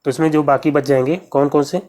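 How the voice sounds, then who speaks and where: A man's voice: fairly high pitch, flat delivery, quick pace, a little mellow. A man teaching exam-prep grammar, working through practice questions one by one and repeating key terms as he explains. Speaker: Hindi exam tutor.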